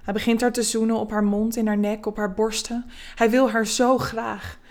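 A woman reading an erotic story aloud in a soft, slow, intimate way. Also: on the high side, flat delivery. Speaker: narrator.

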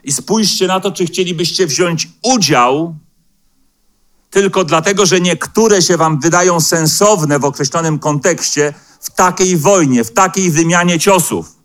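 A man preaching a sermon as pastor in a church, speaking in a measured way and slowing down to quote scripture, with the odd hesitant filler. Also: fairly high pitch, a bit bright. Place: church hall.

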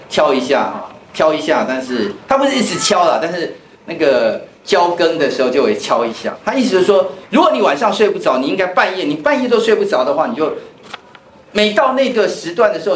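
Chatty pastor teaching. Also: male voice, on the high side, big pitch swings, a little fast. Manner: chatty, explains with personal stories. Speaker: pastor teaching a Bible class. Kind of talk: conversational Bible lesson with anecdotes. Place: church classroom. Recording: echoey room with faint noise.

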